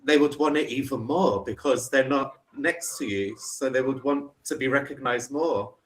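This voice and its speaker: The audio is poor as a London-accented English tutor from England holds a casual video call chat at home in the UK. He stays friendly and encouraging, asking many questions in a medium pitch at a moderate pace.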